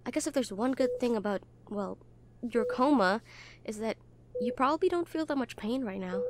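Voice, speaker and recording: In an intimate audio roleplay, a woman plays a caring, protective young hospital nurse, speaking gently, conversationally and a little hesitantly. Her voice is a little high and animated at normal speed, lightly acted, with a tender, soothing mood.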